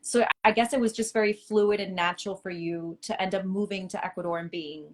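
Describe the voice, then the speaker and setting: A woman's voice: mid-range voice, fairly even intonation, brisk. Host: woman, forties, from Miami, talkative, asks friendly leading questions. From Miami, United States. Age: 40s. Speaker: podcast host. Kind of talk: casual interview.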